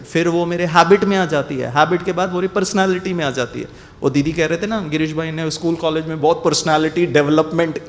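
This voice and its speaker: A man with an Indian accent giving a motivational talk to athletes, telling stories and acting out scoldings with lively shifts. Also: on the high side. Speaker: motivational speaker.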